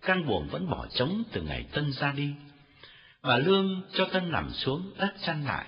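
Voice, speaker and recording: A man narrating a novel as an audiobook in an expressive storytelling reading. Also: a little high, a little slow. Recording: dull lo-fi recording with faint music.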